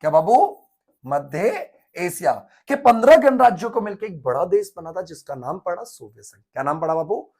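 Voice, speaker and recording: A man teaching an exam revision lesson, quizzing and repeating answers in a lively manner. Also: sits high, moderate pace.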